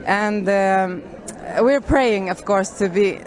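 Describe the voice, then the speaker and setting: Hesitant interpreter with fillers, mid pitch. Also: takes it slowly. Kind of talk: casual interview answers and interpreting.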